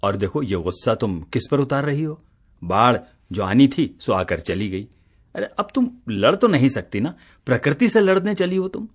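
A man's voice: on the low side, moderate pace, breathy edge. An actor playing a tired office-going husband who teases and scolds his wife, in a radio play. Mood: exasperated. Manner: teasing, exasperated, lively. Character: teasing middle-aged husband, tired office worker.

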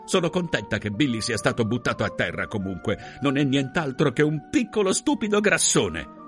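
A man voicing a tearful, indignant young mother who stammers and sobs as she protests, high above his own voice. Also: big pitch swings, normal speed, soft background music, natural voice. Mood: tearful, shrill. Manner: sobbing, stammering, shrill.

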